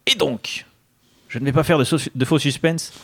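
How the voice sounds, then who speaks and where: A man's voice: a little high, normal speed, no echo. A man at a studio table co-hosting a board game radio show. He reads out the news in a casual, joking way. He restarts his sentences often.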